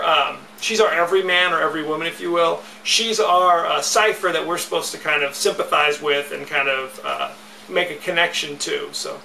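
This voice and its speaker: A man's voice: sits high, vocal fry, sharp tone, distant mic, a little hiss or hum. A man hosting a podcast, talking casually and rambling, with repeated catchphrases, recorded with roomy echo away from the mic. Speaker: podcast host. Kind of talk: casual solo podcast talk.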